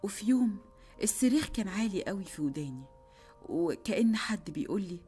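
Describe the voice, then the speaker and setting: A woman's voice: medium pitch, expressive, brisk, warm tone, breathy edge. A woman with an Egyptian accent narrating a first-person horror story with emotion, dropping to whispers and rising to urgent outbursts. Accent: Egyptian Arabic. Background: faint background music.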